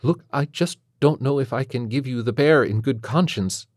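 A man's voice: medium pitch, normal speed, a little mellow, no echo, studio quality, pitched above the performer's own voice, lightly acted. A man doing a prim, preachy schoolteacher woman. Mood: sugary preachy. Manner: condescending, sugary, preachy. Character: prim passive-aggressive female kindergarten teacher. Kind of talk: audiobook character voice.

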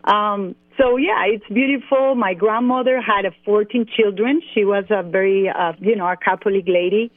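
A Costa Rican woman in her forties, speaking with a Costa Rican Spanish accent, tells her story as a guest in a phone interview and laughs easily. Her voice is medium-pitched at a moderate pace with hardly any pauses, and the phone-line audio is dry with no echo.

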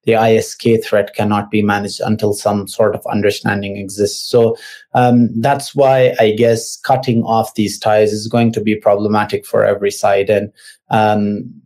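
A man from Afghanistan speaks as an interview guest, pausing often and restarting his sentences. His voice sits low and mellow, and his delivery stays flat and even. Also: gravelly. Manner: hesitant, many fillers and restarts. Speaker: guest analyst; university teacher. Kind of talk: interview answers.

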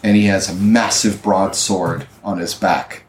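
A man narrating as game master of a tabletop game, with deliberate, descriptive narration. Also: low-pitched, fairly even intonation. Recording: roomy echo.

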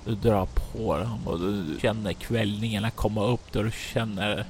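A man running a tabletop horror game as game master, giving slow, atmospheric narration in the second person. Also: lowish voice, steady tone, slight background noise. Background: background music.

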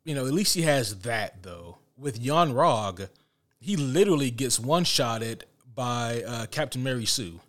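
A man's voice: mid-range voice, lively intonation, a little slow, a bit bright. A man co-hosting a casual podcast chat, blunt and swearing, often restarting his sentences. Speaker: podcast co-host. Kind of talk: casual chat ranking movie villains.

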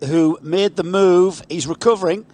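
A man's voice: sits high, fairly even intonation, moderate pace, darkish tone. A man commentating live on a motor race, calling the moves as a motorsport commentator.

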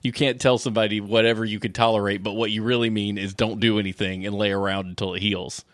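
A man's voice: lowish voice, fast, dry recording, studio quality. A man in his thirties co-hosting a podcast, chatting casually and acting out quotes as he tells stories. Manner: animated storyteller, acts out quotes. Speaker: podcast co-host.

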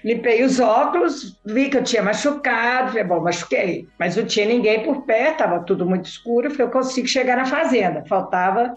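A woman telling a story in casual chat, animated and acting out quoted dialogue. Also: fairly high pitch, a little fast, hardly any pauses, soft background music. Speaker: podcast guest. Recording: echoey room, slightly dull sound.

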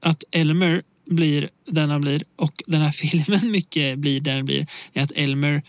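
A man co-hosting a casual film podcast, relaxed, laughing a lot and pausing often with "eh". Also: fairly high pitch, no room sound. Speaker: podcast co-host. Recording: dull, dry lo-fi sound.

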